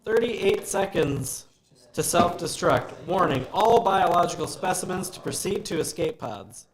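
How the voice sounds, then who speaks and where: A broken ship computer glitching through error readouts, put on by a man running the game. The voice sits a bit high for a man and comes slow and halting, with a roomy echo around it. It sounds panicky and breaking down. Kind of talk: tabletop game voice acting.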